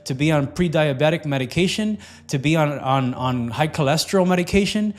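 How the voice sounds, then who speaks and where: A man's voice: on the high side, animated, fairly quick. A man coaching on fat loss in an earnest, loose motivational talk, with repetitive phrasing and plenty of fillers.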